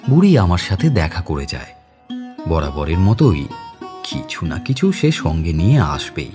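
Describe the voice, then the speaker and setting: Here the same kind of role appears: an actor portraying a soft-spoken, well-educated man close to forty, narrating memories in a literary audio drama. The voice sits lowish, and the reading is reflective, expressive and heavily acted.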